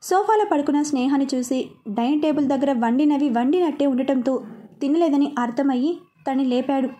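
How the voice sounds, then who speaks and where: A woman narrating a romantic story in a calm, even storytelling manner. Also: high voice, fairly quick. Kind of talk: scripted narration.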